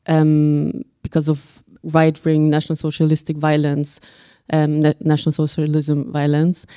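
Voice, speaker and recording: Low, flat-voiced young woman panelist. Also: no room sound, clean studio sound. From Austria. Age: young adult. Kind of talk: panel discussion.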